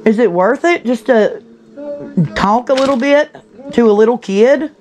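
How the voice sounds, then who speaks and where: A woman's voice: a little high, measured pace, a little mellow, slight background noise, poor audio. A woman in a heated confrontation, bluntly scolding and interrogating a man. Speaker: vigilante group confronter.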